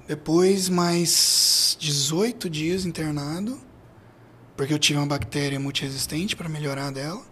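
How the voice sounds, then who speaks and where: Brazilian male, middle-aged, rough hoarse gravel in the voice, conversational storyteller for an interview. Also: on the high side, unhurried, fairly bright tone. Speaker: podcast guest. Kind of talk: personal storytelling in a casual interview.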